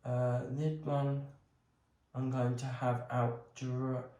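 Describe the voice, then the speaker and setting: This man talks slowly and unhurriedly, pausing often with ums as he walks viewers through a hands-on craft project. His voice sits at an ordinary middle pitch. The sound is roomy, with noticeable echo off the walls. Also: level tone, dark tone. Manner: hesitant, many ums, talks himself through each step. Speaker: crafting vlogger. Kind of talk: casual talk while working on a bonsai.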